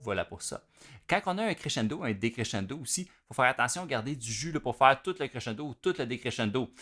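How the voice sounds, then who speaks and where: Speaking fast, a Quebec French-accented drum teacher walks through an instructional video lesson, relaxed and explanatory, full of fillers. He pauses between phrases to play. His pitch is an ordinary middle.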